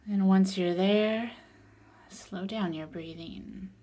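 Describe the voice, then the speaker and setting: At a medium pitch, a woman leads a guided meditation with calm, soothing, unhurried speech. Her soft voice grows breathy as phrases end.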